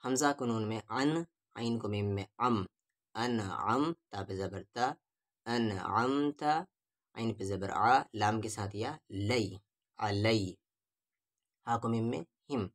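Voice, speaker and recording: A man teaching Quran reading with tajweed, spelling out syllables one at a time and then reciting each verse slowly and drawn out. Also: fairly low pitch.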